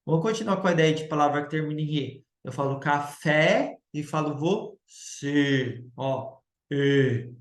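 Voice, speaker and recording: A male teacher giving a recorded grammar lecture, explaining step by step and checking in with the class through quick tag questions. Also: fairly high pitch, echoey room.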